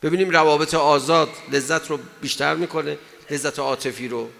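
A man's voice: a little high, steady tone, vocal fry, fairly bright tone. A man giving a sermon in an emphatic way, asking his listeners rhetorical questions. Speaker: religious lecturer. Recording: long hall reverb.

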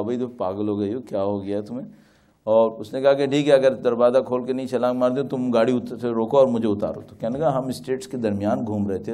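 Male cleric, storytelling sermon voice, mid pitch, relaxed and warm. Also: a little hiss or hum. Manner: storytelling, rhetorical questions, acts out quoted dialogue. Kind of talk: religious talk with anecdotes.

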